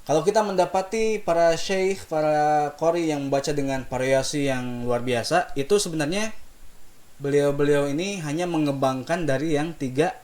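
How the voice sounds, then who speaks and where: A man teaching melodic recitation, calmly explaining each note and singing slow drawn-out demonstrations, gently encouraging students. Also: on the high side. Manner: slow drawn-out sung phrases between unhurried explanations; gentle and encouraging, soft-spoken asides. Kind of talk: relaxed spoken lesson with sung demonstrations.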